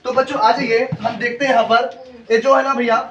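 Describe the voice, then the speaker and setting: A very high-pitched man speaks fairly quickly in a level tone, recorded from a distance with a crowd of students behind him. He's an Indian coaching class teacher with an Uttar Pradesh Hindi accent, leading a lesson in which he repeats questions and drills terms aloud in call-and-response. The classroom sound is roomy and lo-fi.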